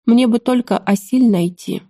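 A woman reading a fantasy novel aloud in an even, measured audiobook narration. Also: on the high side, no room sound, clean studio sound. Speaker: audiobook reader.

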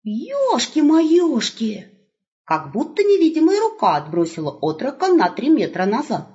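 Expressive woman reading a storybook. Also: medium pitch, brisk. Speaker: audiobook narrator. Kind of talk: storybook narration. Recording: muffled lo-fi recording.

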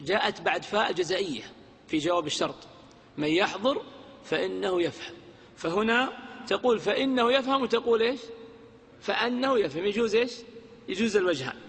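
A man teaches grammar to a class of students, his voice sitting high for a man. He keeps quizzing the class with prompting questions and slows down to chant lines of verse. A long reverb of a hall hangs on every word. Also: creaky, fairly bright tone.

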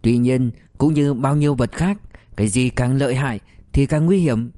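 A man narrating an audiobook story in a measured, expressive storytelling manner. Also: mid-range voice, dry recording.

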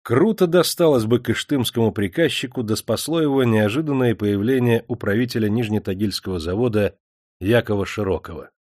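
A man reading a novel aloud as narrator, in a measured storytelling voice. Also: on the low side, a little mellow, no echo, clean studio sound. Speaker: audiobook narrator. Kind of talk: scripted narration.

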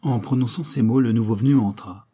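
A man reading a classic novel aloud as audiobook narration, in a measured, steady way. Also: mid-range voice, husky. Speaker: audiobook reader.

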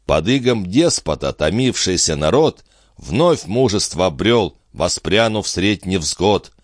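A man voicing a Roman consul on stage, slowly declaiming stately verse. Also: sits low, big pitch swings, no echo, studio quality, full character voice.

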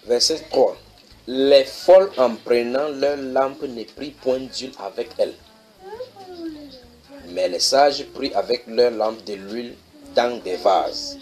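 A man preaching in a church, reading scripture verses slowly and then explaining them, often asking his listeners whether they follow. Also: medium pitch, a little mellow. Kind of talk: sermon teaching.

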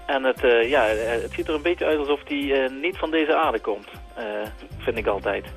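A man's voice: medium pitch, normal speed, faint music behind. A man explaining science informally as an expert guest, hesitant and searching for words. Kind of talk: informal explanation for radio listeners.

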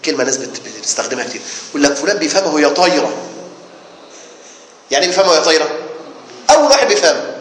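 A man's voice: on the high side, big pitch swings, racing, long pauses, fairly bright tone. A man with an Egyptian accent teaching a lesson on jurisprudence to a class, putting questions to his students and then answering them himself. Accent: Egyptian Arabic. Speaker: sheikh teaching Islamic jurisprudence. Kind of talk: classroom lecture. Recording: echoey hall with faint background noise.

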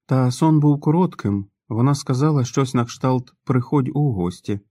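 A man's voice: medium pitch, normal speed, mellow, no room sound, pitched above the performer's own voice, natural voice. Guy doing a jittery young woman, stumbles over her words a bit. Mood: uneasy. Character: uneasy young woman telling a dream.

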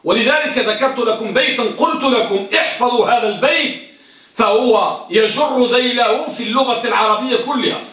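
A high-voiced man teaches a grammar class, quizzing his students and repeating examples slowly. His voice is bright and forceful. He is heard from far off in a very echoey classroom. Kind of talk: Arabic grammar lesson.

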